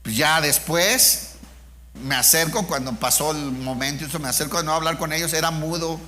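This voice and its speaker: A man's voice: fairly high pitch, fairly quick, sharp tone, slight background noise. A middle-aged man, preaching an informal sermon with personal testimony, speaking conversationally and asking his listeners rhetorical questions.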